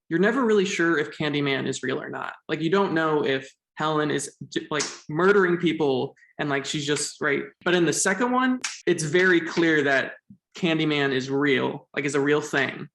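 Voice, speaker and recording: Gravelly man talking in an echoey room. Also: a little high, a bit bright. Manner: analytical, thinks aloud with fillers. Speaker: podcast co-host. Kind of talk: casual film discussion.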